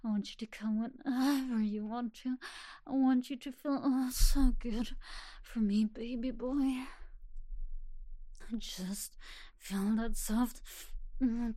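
A woman speaks in a soft, doting murmur that often falls to a whisper. Her voice sits a little high yet sounds warm and mellow. She takes her time over every phrase. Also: no room sound. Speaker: audio roleplay performer. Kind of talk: intimate whispered audio roleplay.

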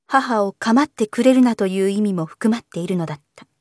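A woman narrating a novel in a calm, measured audiobook reading. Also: mid-range voice, no echo, clean studio sound.

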